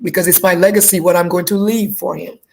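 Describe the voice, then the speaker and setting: A woman from Guyana talks about her fitness classes in a casual interview over a video call. Her voice sits a little low and she stays upbeat, often circling back to restate what she just said. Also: steady tone, fast, vocal fry, slight background noise. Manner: upbeat, repeats herself while explaining. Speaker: fitness instructor, guest.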